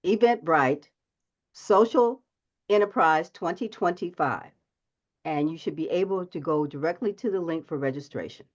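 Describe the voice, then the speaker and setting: Woman, lower pitch, dull call audio, spells out instructions. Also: normal speed. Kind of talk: giving instructions on a webinar.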